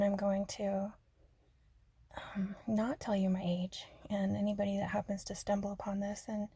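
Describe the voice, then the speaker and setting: An adult ASMR creator from Arizona rambles softly in a half-whisper, giggling and poking fun at herself. Her medium-pitched voice is husky, and there's no room sound at all.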